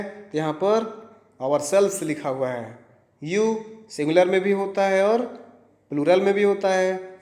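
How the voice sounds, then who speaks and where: A male teacher with an Indian accent, his voice set a little high, works slowly through word lists in a grammar lesson. He repeats each item and keeps asking whether it has sunk in. The sound rings around an echoey room. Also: darkish tone. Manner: drills by repetition, checks understanding.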